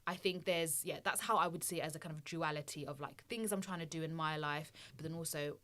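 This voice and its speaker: A woman's voice: deep voice, steady tone, fast, fairly bright tone. A young woman from Somalia, a climate campaigner, giving earnest and practical advice as a guest in a casual podcast interview.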